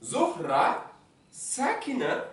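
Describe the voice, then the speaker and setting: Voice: medium pitch, wildly swooping pitch. Patient teacher in a roomy classroom. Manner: patient, repeats words slowly, checks understanding. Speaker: Arabic teacher. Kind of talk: classroom lesson. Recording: roomy sound from a distant mic.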